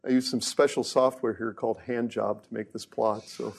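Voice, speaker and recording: A middle-aged man lectures on hardware research in a relaxed, offhand way. He drops wry jokes into the technical points and often stumbles and restarts mid-sentence. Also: lowish voice, moderate pace, gravelly. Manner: casual, joking asides, frequent restarts. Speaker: research engineer giving a lecture.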